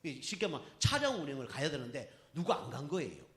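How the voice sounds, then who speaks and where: A man preaching a sermon as pastor, telling a personal story in a lively way and acting out what others said. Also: on the high side, fast. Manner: animated storytelling, voicing others in quotes. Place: church sanctuary. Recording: echoey church hall.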